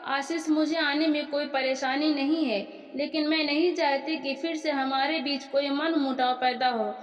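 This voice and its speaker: A woman reading the lines of a proud, quick-tempered young wife in a sharp, indignant tone, recorded in an echoey room. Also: high-pitched, steady tone, muffled recording, lightly acted. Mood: resentful. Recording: echoey room with long reverb.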